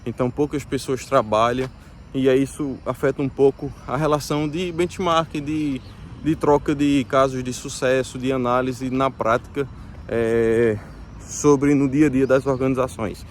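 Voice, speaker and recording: Talking to his audience in an unhurried, relaxed way, a thirty-something Brazilian vlogger explains things with a Brazilian Portuguese accent and a mid-range voice. He hesitates a lot, using fillers and frequently stopping to restart, as faint car and street noise sounds in the outdoor background.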